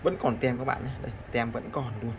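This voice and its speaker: A man with a mid-range voice and fairly even intonation speaks briskly while testing scrap electronics for his vlog, with noise in the background. It's a casual hands-on demo in which he keeps addressing viewers and repeating phrases.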